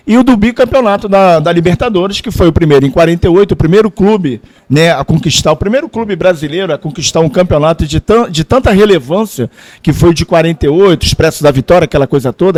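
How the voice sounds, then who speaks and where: A man's voice: sits high, a little mellow. A man, hosting an interview in a restaurant and asking long run-on questions. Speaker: host.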